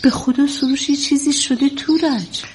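A woman's voice: high-pitched, fairly even intonation, darkish tone, slight background noise, lightly acted. An actress playing a worried, doting middle-aged mother who pleads and fusses over her son. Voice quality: pleading, fussing. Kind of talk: family drama acting.

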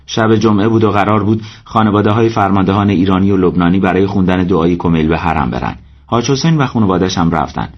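A man reading a story aloud as narrator, steady and measured. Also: deep voice, highs cut off. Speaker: audiobook narrator. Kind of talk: scripted narration.

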